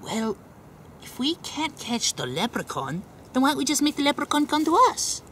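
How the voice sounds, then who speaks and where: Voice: high-pitched, big pitch swings, moderate pace, bright, forceful tone, recorded from a distance, slight background noise, heavily acted. A performer voicing a skeptical, easily worked-up male plumber brother toy, slangy and exclaiming, in an amateur puppet skit. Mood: doubtful. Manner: casual slang, bursts into exclamations.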